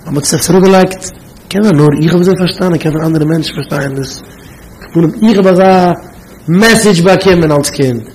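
A man's voice: a little high, darkish tone, slight background noise, low-quality recording. Emphatic man. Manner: emphatic and repetitive, slow drawn-out stresses.

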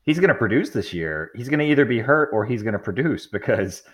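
A man's voice: medium pitch, animated, brisk. A man hosting a casual sports podcast, laid-back and chuckling as he talks. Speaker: podcast host.

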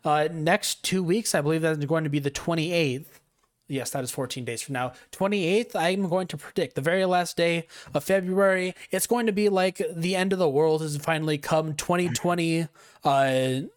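A man's voice: fairly high pitch, moderate pace. Rambling young male podcast host. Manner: rambling, self-mocking, laughs often. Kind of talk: casual podcast chat.

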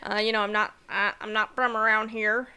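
A woman's voice: mid-range voice, little pitch movement, brisk, pushed and bright, clean tone. A woman co-hosting a podcast, chatting casually and expressively. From North Carolina. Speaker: podcast co-host. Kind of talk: casual chat.

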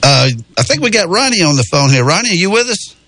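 A man's voice: high voice, very animated, fast, pushed and bright, dry recording. A man with a Southern US accent and a rural drawl, hosting a casual sports talk radio show in a folksy way. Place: radio studio. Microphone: close studio microphone.

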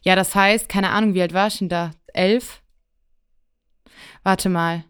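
A woman's voice: mid-range voice, fairly even intonation, a little slow, smooth, dry recording, studio quality. A young woman in her twenties co-hosting a casual chat podcast, playful and teasing, slipping in English phrases. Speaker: podcast co-host.

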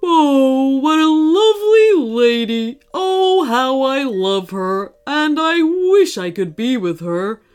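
A woman's voice: fairly high pitch, big pitch swings, takes it slowly, clear, resonant tone. A woman voicing a shy, lovestruck male hippo who speaks dreamily, with faint music behind. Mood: dreamy. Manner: dreamy, lovey-dovey.

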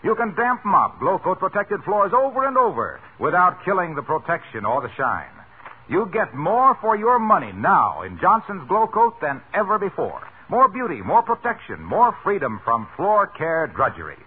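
A man's voice: high voice, huge pitch swings, moderate pace, husky, narrow, tinny audio. A man announcing in the style of a 1940s radio serial, with a polished, emphatic, scripted sales delivery. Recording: band-limited, noisy vintage radio broadcast.

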